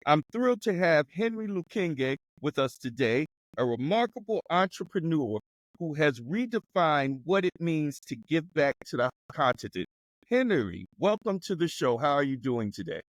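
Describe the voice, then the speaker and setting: A male podcast host whose voice sits a little high and swings widely in pitch. He opens with a polished, scripted-sounding introduction, then asks questions and keeps replies short. The recording is dry and close. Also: sing-song, moderate pace, no echo, rough recording. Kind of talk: interview hosting.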